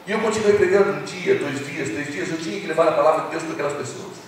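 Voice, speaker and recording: Brazilian pastor guy telling a story in church, loud then hushed, really echoey room, faint noise. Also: on the high side, quick pace. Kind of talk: evangelistic sermon. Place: large church hall. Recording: echoey hall recording from a distance.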